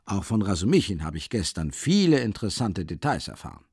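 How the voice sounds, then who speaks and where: A man's voice: sing-song, fairly quick, breathy edge, no room sound, studio quality, exaggerated voice. A man playing a sly, mocking magistrate. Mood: insinuating. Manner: low, soft, chuckling, insinuating. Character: older male investigating judge, sly and mocking. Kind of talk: audiobook character voice.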